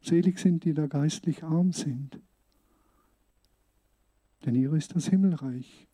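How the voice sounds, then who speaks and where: A man from Switzerland, preaching a sermon as a pastor in an earnest, conversational way with emphatic pauses. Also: fairly high pitch, dark tone.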